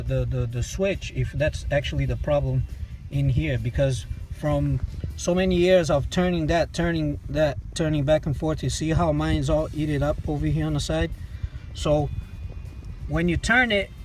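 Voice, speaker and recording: A Brazilian DIY car repair YouTuber with a Brazilian Portuguese accent talks through a repair as he works, holding his phone in one hand to film. His casual how-to chatter is loose, repetitive and stop-start, his voice a little high, and the recording quality is low.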